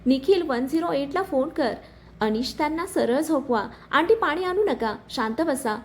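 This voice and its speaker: A woman voicing a composed young wife in a spoken story, speaking softly and steadily. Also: high-pitched, animated, measured pace, a little hiss or hum. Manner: soft, composed.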